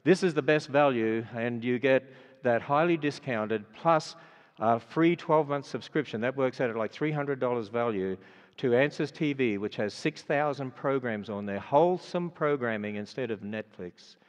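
Speaking at a normal pace in a mid-range voice, an older Australian man finishes his sermon and then gives announcements, earnest and chatty, his speech full of fillers. It was captured in a big auditorium, so the sound is dull and the hall echo lingers.

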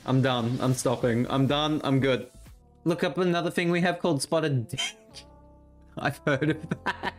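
A man streaming video games, giving casual commentary in an excitable, jokey way and often breaking into laughter. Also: fairly high pitch, measured pace, soft background music.

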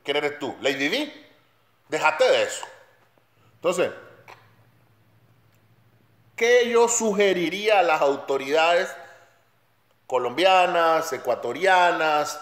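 A man's voice: on the high side, fairly bright tone. A man delivering a blunt, emphatic opinion monologue. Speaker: commentator. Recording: roomy echo.

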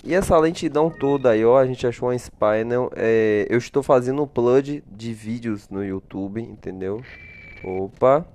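A man's voice: mid-range voice, normal speed, a little mellow. Chatty man narrating gameplay. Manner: chatty, talks to himself in a back-and-forth, blesses viewers. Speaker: gaming channel host.

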